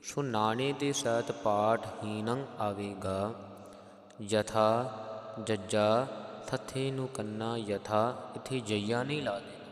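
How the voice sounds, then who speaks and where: A man with a Punjabi accent teaching scripture pronunciation, chanting verses slowly and then explaining each letter. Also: on the low side, echoey room, in a large hall. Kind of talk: Gurbani pronunciation lesson with sung recitation.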